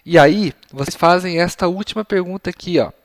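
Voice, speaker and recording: A man teaching Latin for young children to parents, patient and explanatory, his voice slightly failing as he often clears his throat. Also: sits high, no room sound, studio quality. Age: adult. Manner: patient and explanatory, models phrases slowly. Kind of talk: explanatory lesson.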